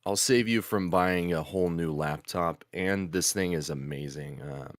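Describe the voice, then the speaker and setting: Deep-voiced man from Oklahoma. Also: measured pace, no room sound, clean studio sound. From Oklahoma, USA. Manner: rambling, laughs often, many restarts. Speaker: voice actor and show host. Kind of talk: casual chat. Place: padded home recording booth.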